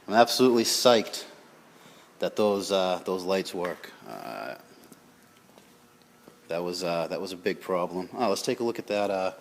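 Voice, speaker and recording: A tired man talking casually and haltingly to vlog viewers in a low-key way. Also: lively intonation, a little hiss or hum. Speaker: car vlog host.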